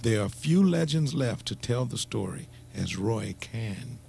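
A man reading scripted documentary narration at a steady pace. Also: on the low side, a little slow, creaky, a little hiss or hum.

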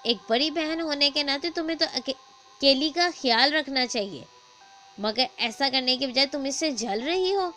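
A woman's voice: a little high, fairly bright tone, faint music behind, natural voice. A woman voicing a harried mother of two young daughters in a storybook, talking emphatically in a raised voice. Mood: angry. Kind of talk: storybook dialogue.

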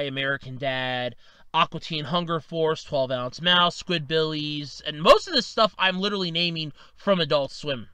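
Animated ranting man in his thirties. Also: fairly high pitch, clean tone, dry recording. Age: 30s. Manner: animated, swings from loud outbursts to mutters. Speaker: video commentator. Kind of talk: casual opinion monologue.

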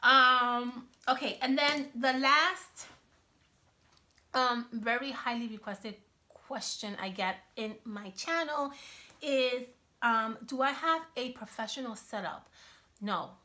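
A chatty, animated woman from Cuba, in her thirties, filmed on a phone on a stand in her kitchen at home. Her voice sits a little high and sounds bright and sharp. She talks freely and gestures as she speaks, in an easygoing vlog style. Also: slow pace. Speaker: YouTube vlogger. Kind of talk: casual Q&A vlog. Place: home kitchen, indoors, small room. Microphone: iPhone on a selfie stand.

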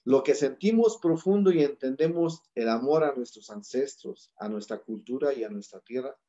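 A man's voice: mid-range voice, animated, normal speed, warm tone. Impassioned man, dull lo-fi sound. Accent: Mexican Spanish. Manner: rhetorical, listing in rhythmic repetitions. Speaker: speaker at a community forum. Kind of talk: impassioned public talk.

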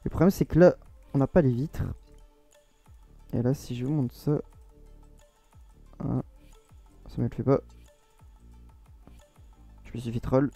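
A man with a French accent talks through a screen-recorded modding tutorial in a very dark, mellow voice. He rambles, hesitates and corrects himself as he goes. Faint music plays underneath. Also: mid-range voice, a little slow, pauses often. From France.

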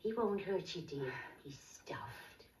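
Casting: a gentle older antique shop owner, slow and soothing, lively pitch. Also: female voice, noisy background.

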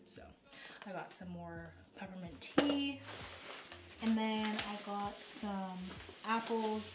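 A young woman chatting casually to camera at home as a vlogger, relaxed and full of likes and ums. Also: mid-range voice, very noisy. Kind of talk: casual vlog chat to camera. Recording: roomy echo.

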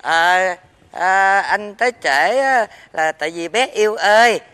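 A man's voice: high voice, expressive, a little slow, bright, forceful tone, clear, resonant tone. A man with a Southern Vietnamese accent in a stage comedy sketch, talking in a sheepish, wheedling way and often laughing.

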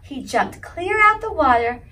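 A woman's voice: high voice, sing-song, measured pace, sharp tone, far from the mic, poor audio. A woman leading a children's story time, reading a picture book aloud in a sing-song voice and asking the kids questions. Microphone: video recording.

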